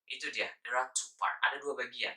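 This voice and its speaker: A man from Indonesia teaching an English lesson, saying words slowly one by one and mixing in English terms. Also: medium pitch, steady tone, bright, forceful tone, reverberant, far from the mic. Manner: slow, drawn-out word-by-word pronunciation drills. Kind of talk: casual spoken lesson.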